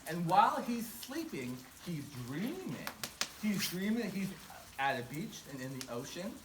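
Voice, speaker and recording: A woman with a lowish, highly animated voice tells a story at a moderate pace to a live group, keeping it casual, playful and self-deprecating while inviting the listeners to join in. The recording is echoey and distant from the mic, with a noisy crowd of listeners calling out.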